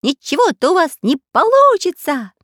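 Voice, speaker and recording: A woman voicing a small, spiteful male parrot that screeches and shouts in a frantic, drawn-out way, read for an audiobook. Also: very high voice, very animated, no room sound, studio quality, pitched above the performer's own voice. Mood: shrieking. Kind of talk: audiobook character voice.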